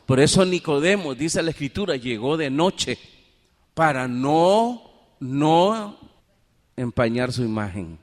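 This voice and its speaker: A man's voice: fairly high pitch, expressive, slow pace. A man preaching a sermon as pastor, pressing his point and asking the congregation rhetorical questions. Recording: long reverb of a hall.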